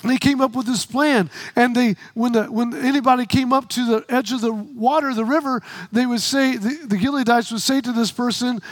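Man, middle-aged, pastor, sermon, very high voice, animated storytelling, occasional shouts. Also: no room sound. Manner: storytelling, acts out dialogue in quick quoted voices; bursts into shouting for emphasis.

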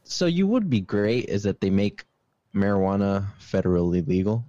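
A man's voice: on the low side, sing-song, normal speed, mellow, no room sound, dull audio. A man hosting a casual podcast, giving his opinions and explaining them with examples, often saying "obviously". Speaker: podcast host. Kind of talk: casual chat.

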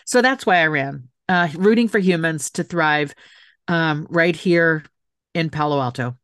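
At a measured pace, a middle-aged woman with a low but fairly bright voice gives sincere, emphatic interview answers, repeating phrases for stress. She is an author and city council member, recorded at studio quality with no echo.

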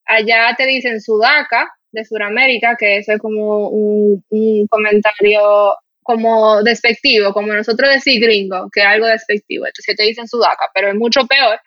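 Una mujer latinoamericana que habla de forma sincera y reflexiva en una conversación informal, con muchas muletillas. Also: female voice, mid-range voice, steady tone, moderate pace, a bit bright, no room sound, lo-fi sound. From Latin America. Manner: candid, reflective, frequent fillers. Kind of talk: casual conversation.

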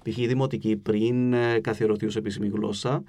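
A man's voice: lowish voice, flat delivery, dark tone. A man with a Cypriot Greek accent, giving patient, explanatory interview answers as a linguist guest, with frequent hesitation sounds. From Cyprus. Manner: patient, explains with spoken examples, many filler "e" sounds.

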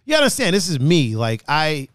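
A man from another country, raised partly on the East Coast, hosts a relaxed, casual podcast, joking around in slang with an animated, laughing, playful manner. His voice sits a little high and smooth at a moderate pace, and the sound is close and dry with no echo or room around it.

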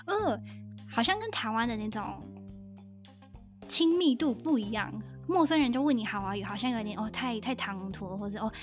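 A woman's voice: fairly high pitch, moderate pace, faint music behind. Chatty woman hosting. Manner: chatty, animated storyteller. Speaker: podcast host. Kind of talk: casual podcast conversation.

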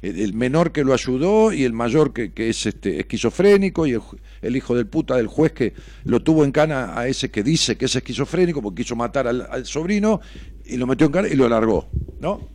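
Heated Argentine man with lively pitch. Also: fairly quick, no room sound. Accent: Argentine Spanish. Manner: heated, rhetorical questioning, swears freely. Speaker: therapist and radio host. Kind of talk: radio talk monologue.

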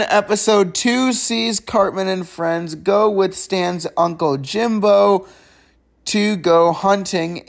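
A man hosts a podcast and gives a casual, unedited review, rambling conversationally with lots of restarts and stammers. His voice is high and gravelly.

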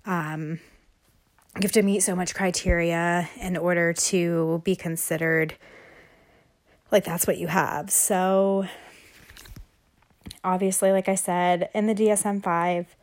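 A woman's voice: on the low side, flat delivery, takes it slowly, long pauses. A young woman hosting a casual podcast monologue, talking loosely with many fillers and audible heavy breathing. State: breathing heavily. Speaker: podcast host.

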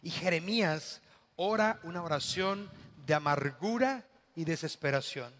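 A man with a Mexican accent preaching a sermon as pastor, swinging between loud, dramatic passages and hushed, quiet ones. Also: on the high side, lively intonation, a little slow, big-room sound. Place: church.

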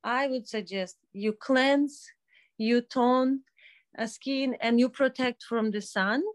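A woman of forty with a Belarusian accent, talking casually and haltingly as an interview guest. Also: a little high. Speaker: podcast guest, day spa owner and skincare specialist.

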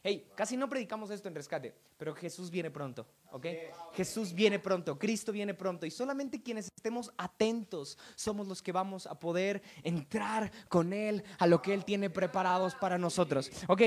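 A woman's voice: mid-range voice, normal speed. A woman preaching a sermon with fervent, emphatic delivery, often repeating words.

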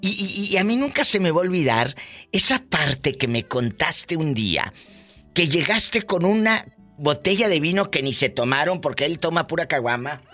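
A man's voice: on the high side, very animated, moderate pace, bright, forceful tone, faint music behind. A man with a Mexican accent hosting a comedic live call-in show in a flamboyant, teasing diva persona. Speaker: radio host.

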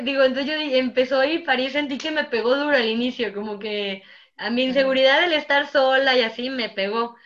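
A young adult Mexican woman with a Mexican accent hosts a casual chat, telling stories with animation and acting out things she once said. Her voice sits high and is a bit bright, though the audio is dull.

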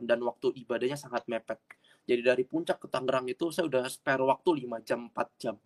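A man preaching a personal testimony sermon in an earnest way, with sudden loud bursts of emphasis and frequent repetition. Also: medium pitch. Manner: addresses audience as friends, repeats himself.

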